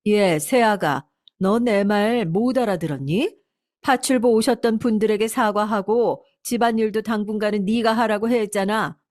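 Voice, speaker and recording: A woman's voice: medium pitch, normal speed, a little mellow, close to an everyday voice. A woman voicing a stern mother-in-law who scolds sharply and firmly. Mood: scolding.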